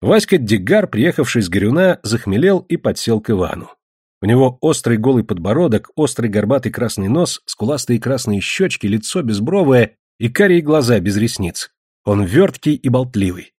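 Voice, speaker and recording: A man reading a novel aloud as narrator, in steady, expressive storytelling. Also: medium pitch, normal speed, husky, no echo, clean studio sound. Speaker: audiobook reader. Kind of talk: scripted literary narration.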